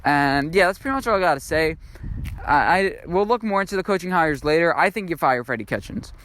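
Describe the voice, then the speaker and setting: A man's voice: a little high, expressive, brisk, fairly bright tone, slight background noise. A young man giving an unscripted football commentary monologue, rambling and thinking aloud with frequent fillers and restarts. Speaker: sports video host.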